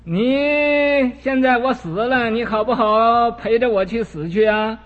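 A man voicing a lonely, dying old father who pleads with his sons in a coaxing, drawn-out way, heard on a dull lo-fi recording in a reverberant hall. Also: extremely high pitch. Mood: pleading.

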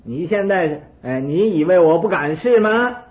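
A man voicing a jealous, hot-tempered ancient king who shouts his taunts, heard through a narrow phone-like recording. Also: mid-range voice, lively intonation, unhurried, close to an everyday voice. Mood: taunting.

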